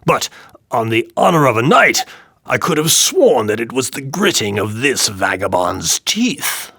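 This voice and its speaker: Cruel roaring king, voiced by a man, booming and wildly swinging, husky edge. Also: big pitch swings, measured pace, sharp tone, no echo, clean studio sound, heavily acted. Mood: roaring, mocking. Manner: bellowing, mocking laughter. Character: cruel boisterous male king, a tyrant.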